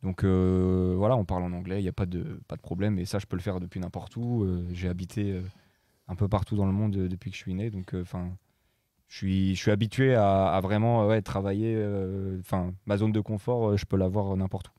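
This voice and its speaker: This is a young man in his twenties, a guest DJ and producer raised in Morocco, chatting casually. His voice is low, dark and level, his pace brisk, and his talk is full of hesitations and fillers, with no echo in the recording.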